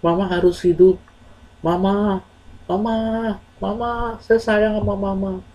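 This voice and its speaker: A man's voice: high-pitched, flat delivery, slow, darkish tone, pitched above the performer's own voice, low-quality recording. A man voicing a remorseful truant teenage boy, crying and pleading. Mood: sobbing. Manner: wailing, pleading, tearful.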